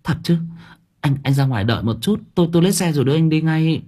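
A man voicing an eager, anxious young woman who talks in quick, flustered bursts. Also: a little high, expressive, dark tone, breathy edge, voice pushed up.

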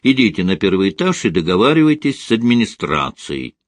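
A man's voice: fairly low pitch, sing-song, brisk, dry recording, clean studio sound. A man voicing a stern, stone-faced female maternity ward nurse who answers curtly and scolds. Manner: curt, scolding, dismissive.

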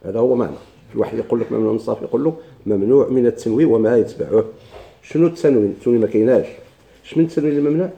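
Male grammar teacher, Moroccan Arabic accent, very dark tone, medium pitch, patient step-by-step explainer. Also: expressive, very fast, vocal fry. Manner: explains step by step with rhetorical questions and repetition. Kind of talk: classroom grammar lesson.

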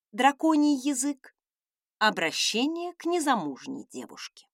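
A woman's voice: on the high side, dry recording, clean studio sound. A woman reading a first-person audiobook with a wry, sardonic delivery. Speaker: audiobook narrator.

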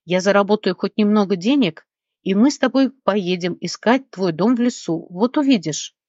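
A woman reading an audiobook and voicing a kind, quick-tempered young heroine who speaks earnestly and consolingly. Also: medium pitch, animated, a little mellow, dry recording, close to an everyday voice. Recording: dull, dry lo-fi recording.

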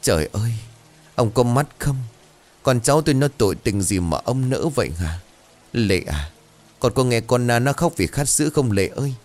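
A man's voice: mid-range voice, very animated, normal speed, darkish tone, soft background music, pitched above the performer's own voice, close to an everyday voice. A man voicing a grieving old grandmother in a spoken ghost story, lamenting in anguish.

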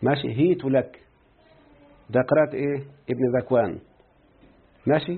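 A man with an Egyptian Arabic accent teaching a grammar lesson, who keeps quizzing his student and slowly repeats words. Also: medium pitch, slightly rough. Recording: tinny phone-like line.

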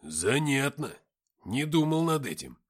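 A man voicing a panicky, foul-mouthed young male writer in an audiobook, with whiny yelling. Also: medium pitch, very animated, unhurried, husky. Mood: curious. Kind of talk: audiobook character voice.

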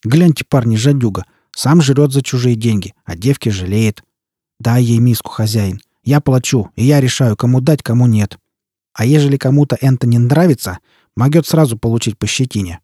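A man's voice: mid-range voice, normal speed, mellow, no room sound, studio quality, natural voice. A man voicing a boisterous, coarse male bandit leader who mocks and bullies. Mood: swaggering.

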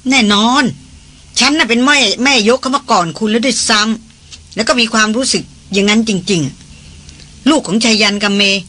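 A woman's voice: on the high side, bright, forceful tone. A reader voicing an earnest titled lady. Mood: warm. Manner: earnest, quickens when anxious. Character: noble Thai lady on a jungle trek, earnest.

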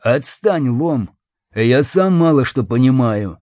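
A man's voice: mid-range voice, animated, slow, a little mellow, no echo. A man reading an audiobook, voicing a coarse, jeering male gang boss. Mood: crude. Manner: crude, jeering.

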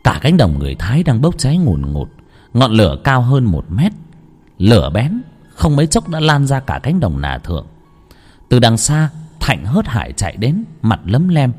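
A man narrates a scripted ghost story with dramatic expression. His pitch rides up and down in a lively way around a medium voice. He tells it with building tension. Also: moderate pace, breathy edge.

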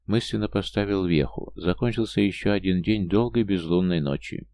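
A man narrating an audiobook in a measured, somber storytelling manner. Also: sits low, mellow, dry recording.

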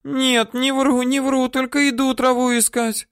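A man's voice: very high voice, little pitch movement, measured pace, a bit bright, smooth, no echo, studio quality, voice pushed up, heavily acted. A man voicing a frightened, whimpering woman for an audiobook, her voice whiny, squealing and pleading. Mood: scared pleading. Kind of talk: audiobook character voice.

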